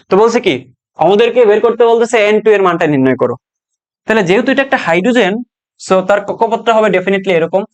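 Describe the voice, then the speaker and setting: Young male physics tutor with a high voice, casual and jokey, keeps checking that students follow. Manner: explains step by step, often checks understanding with "ঠিক আছে?"; colloquial, jokes to students. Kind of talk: online exam-prep lesson.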